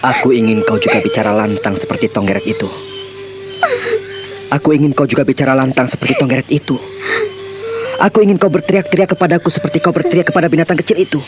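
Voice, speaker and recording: A man's voice: medium pitch, fairly even intonation, fast talker, pauses often, natural voice, low-quality recording. An actor playing a young man who tenderly coaxes and comforts his beloved in a radio drama. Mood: coaxing. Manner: tender, coaxing. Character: young man, gentle devoted lover, hero. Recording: radio drama with loud music behind.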